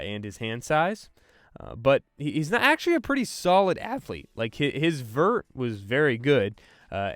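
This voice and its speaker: Guy doing a casual football draft rundown, smooth clear voice, dry close mic, lots of uh and like. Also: mid-range voice, fairly bright tone, dry recording. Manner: loose, filler-heavy delivery with frequent restarts. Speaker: sports podcast host. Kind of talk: casual draft prospect breakdown.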